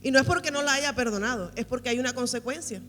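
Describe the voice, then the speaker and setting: A woman's voice: sits high, fast talker, fairly bright tone. A woman pastor preaching at a women's conference. She is emphatic and repeats key phrases for weight. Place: large church hall. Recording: reverberant hall with faint music.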